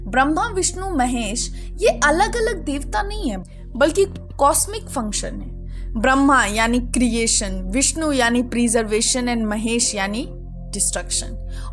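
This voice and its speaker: Brief: female host, earnest explainer voice-over, lively higher pitch, clear music bed behind. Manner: earnest, addresses the viewer directly. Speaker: channel host explaining a mantra. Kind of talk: narrated explainer in Hindi with English words.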